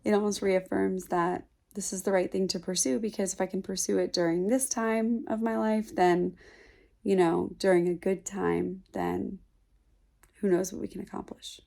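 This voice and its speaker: A woman's voice: mid-range voice, little pitch movement, moderate pace, creaky, warm tone. A woman in her thirties, a startup founder, talking openly and reflectively in a casual to-camera vlog. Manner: open, reflective, chatty. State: sick, congested voice.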